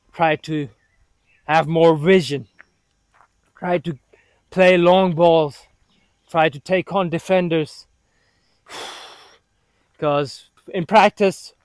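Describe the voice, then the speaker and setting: A man talking casually to the camera about his football training, halting and self-motivating as he thinks aloud on an outdoor pitch. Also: dry recording.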